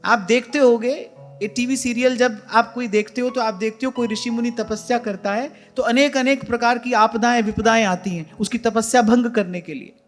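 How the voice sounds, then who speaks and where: A man's voice: very high voice, fairly even intonation, moderate pace, soft background music. A man, a spiritual teacher, giving a devotional discourse in an earnest way. He repeats key phrases for emphasis and speaks to his listeners as brothers. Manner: addresses listeners directly as "brother". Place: ashram hall.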